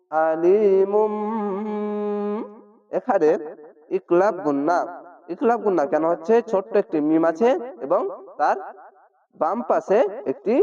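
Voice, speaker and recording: A man teaching Quran reading, who spells each word out letter by letter and draws the long vowels out slowly. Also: sits high, darkish tone, recorded from a distance, highs cut off. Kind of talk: spelling-out Quran recitation lesson.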